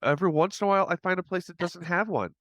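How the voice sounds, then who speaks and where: A male podcast host asking questions in a casual, halting way and restarting his sentences. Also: high voice, a bit bright, dry recording, studio quality. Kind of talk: casual interview chat.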